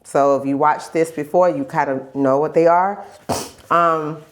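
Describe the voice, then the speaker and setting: In a low-pitched voice with fairly even intonation, a woman vlogger speaks a little slowly. Stuffy and getting over a cold, she rambles candidly in a casual video diary about her health journey, repeating phrases for emphasis.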